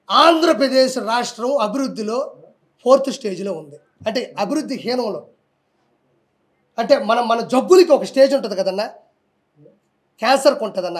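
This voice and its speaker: A man, speaking combatively and defiantly in a heated political interview. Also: very high voice.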